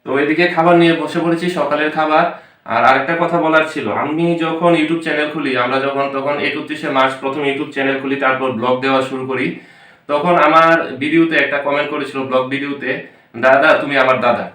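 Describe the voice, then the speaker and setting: This Tripura vlogger talks at normal speed in a fairly high, slightly bright voice with fairly even intonation. He casually recounts stories about people who helped him and names his supporters to thank them.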